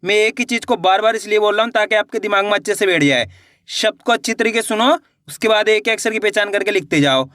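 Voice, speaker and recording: A man teaching reading, sounding out each syllable slowly and then blending them into words, often repeating and asking the learner questions. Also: sits high, fairly bright tone, no room sound. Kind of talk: slow spelled-out reading lesson.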